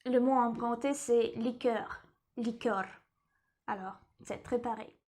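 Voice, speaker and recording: Slow woman teaching. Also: a little high, fairly even intonation, heavy background noise. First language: Russian. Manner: slow, repeats each word carefully. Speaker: language teacher. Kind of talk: teaching a lesson.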